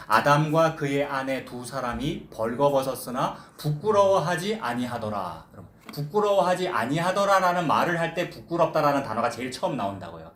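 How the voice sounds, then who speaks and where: A man's voice: on the high side, reverberant. A man preaching a sermon as pastor, asking the congregation questions and acting out quoted voices. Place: church sanctuary.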